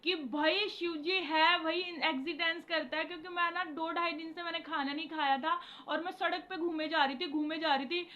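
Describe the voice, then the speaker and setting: A woman's voice: extremely high pitch, pushed and bright, muffled recording. A young woman vlogger telling a personal story to camera in a rambling, emotional way, often repeating herself and calling her viewers guys.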